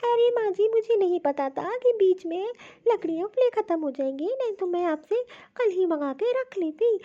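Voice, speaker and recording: A woman's voice: very high-pitched, lively intonation, normal speed, mellow, dull audio. A woman voicing a patient, apologetic young daughter-in-law who explains herself at length in a cartoon.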